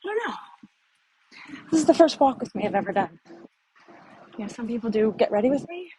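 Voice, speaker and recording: Her fairly high, animated voice is brisk yet mellow as this middle-aged American vlogger walks city streets and thinks aloud in a rambling way. The audio is poor, with faint traffic and street noise underneath.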